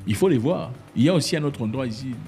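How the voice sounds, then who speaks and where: A man giving his opinion to camera in a casual, emphatic way, with sudden jumps in pitch. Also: quick pace, soft background music. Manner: animated and emphatic, with sudden high pitch jumps and mock voices. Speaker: commentator.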